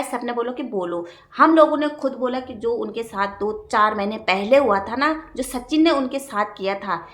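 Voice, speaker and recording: A woman hosting a reaction vlog, speaking in heated, indignant commentary and scolding in rapid outbursts. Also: a little high, a bit bright. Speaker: reaction video host.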